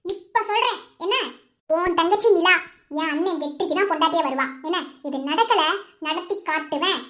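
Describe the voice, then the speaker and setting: A woman voicing a bold, sharp-tongued young village woman in an animated cartoon, scolding in a Madurai Tamil accent. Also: very high voice. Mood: defiant. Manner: scolding, fast, defiant.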